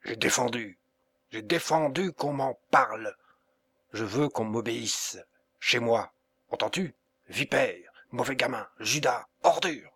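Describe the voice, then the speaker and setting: A man voicing a proud, temperamental middle-aged sculptor in a storybook reading, commanding and loud. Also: mid-range voice, animated, slow pace, vocal fry, breathy edge, dry recording, exaggerated voice. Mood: furious.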